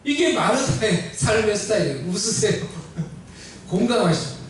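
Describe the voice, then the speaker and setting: A male pastor preaching a sermon, animated and conversational, often asking the congregation questions. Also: high voice, normal speed, heavy reverb, distant mic, slight background noise, rough recording. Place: church sanctuary.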